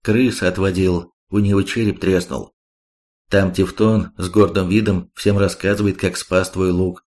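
A man reading the part of a blunt, sharp-tongued male warrior in an audiobook. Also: low-pitched, level tone, a little slow.

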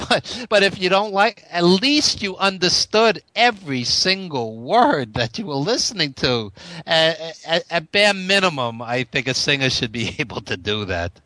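A man's voice: a little high, bright, forceful tone, no echo. A middle-aged man with a Brooklyn accent hosting a casual radio interview, chatty and given to repeating phrases. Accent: Brooklyn, New York. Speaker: radio host interviewing a guest.

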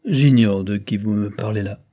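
A male narrator voicing a smug, evasive gentleman army captain in an audiobook. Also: lowish voice, moderate pace, close to an everyday voice. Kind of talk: audiobook character voice.

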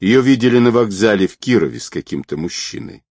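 A man voicing a terse male bodyguard in an audiobook, reporting news flatly. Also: on the low side, fairly quick, no echo.

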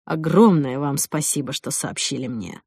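A woman voicing a soft-spoken controlling husband. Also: fairly high pitch, moderate pace, vocal fry, slightly rough, dry recording, studio quality, voice pushed down. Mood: coaxing. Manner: soft, patronizing coaxing. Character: calm controlling husband, soothing and condescending.

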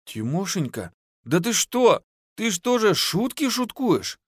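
A man's voice: fairly high pitch, very animated, a little slow, no echo, studio quality, voice pushed up. A man voicing a frightened young peasant woman with lamenting, pleading folk speech. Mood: shocked.

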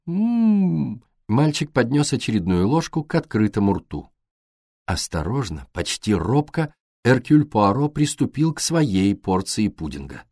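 A man reading an audiobook aloud in a calm storytelling manner. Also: on the low side, dry recording, studio quality. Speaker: audiobook narrator. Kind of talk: scripted audiobook narration.

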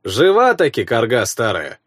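Gruff middle-aged baron, male reader, curt commands, lively pitch, dry audiobook sound. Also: moderate pace, no echo, heavily acted. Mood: commanding.

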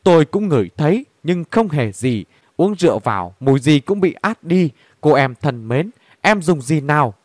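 Man playing a coaxing bartender, unhurried, lively pitch, storybook. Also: no echo, studio quality. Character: smooth-talking male bartender.

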